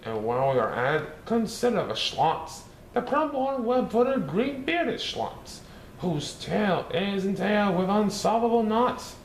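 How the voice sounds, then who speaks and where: A man voices a playful, mischievous male cartoon cat in a high-pitched, very animated, heavily acted performance at a measured pace. He reads a rhyming storybook in a bouncy, sing-song way, and the recording has a roomy echo and faint hiss.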